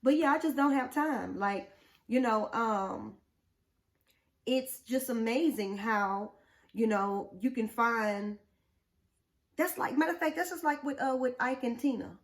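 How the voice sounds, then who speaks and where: A woman's voice: on the high side, unhurried. A woman, talking casually as a show co-host. She speaks bluntly and with animation. She throws rhetorical questions at the listener. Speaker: podcast co-host. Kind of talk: casual chat.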